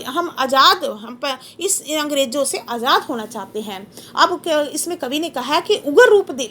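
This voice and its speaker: A woman teaches a poem in a classroom manner, stopping to ask questions and dictate notes. Her voice sits high and swings widely in pitch. She reads the verse lines slowly and with emphasis. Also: fairly bright tone, slight background noise. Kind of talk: classroom poetry explanation.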